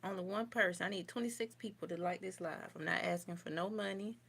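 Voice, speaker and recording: Woman, young adult, fairly low voice, casual livestream chat, doing makeup at home. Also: fairly even intonation, quick pace, vocal fry, fairly bright tone, slightly rough. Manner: chatty, reads and answers viewer comments. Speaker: beauty vlogger doing a livestream. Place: home, indoors.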